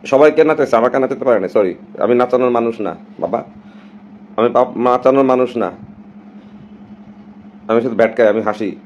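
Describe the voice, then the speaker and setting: A man's voice: mid-range voice, normal speed, long pauses, darkish tone, slight background noise. Emphatic man, lo-fi stream. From Bangladesh. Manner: emphatic, mixes English phrases into Bengali. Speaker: streamer addressing viewers. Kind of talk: casual live-stream talk.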